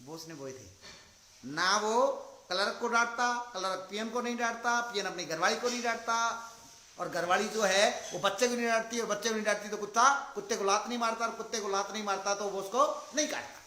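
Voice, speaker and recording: Male motivational speaker, high and bright, dramatic storyteller who acts out shouting characters, echoey room. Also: a little fast. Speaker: motivational speaker for a business network. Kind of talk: motivational talk with acted anecdotes.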